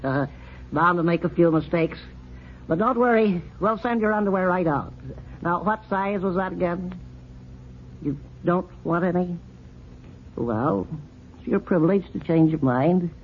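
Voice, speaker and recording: Stuffy old small-town doctor, high voice, preachy and slow, muffled old broadcast. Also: male voice. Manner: pompous and lecturing, drawn-out. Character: pompous, fussy older male country doctor. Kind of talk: 1930s radio comedy acting. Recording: dull old radio recording with faint hiss.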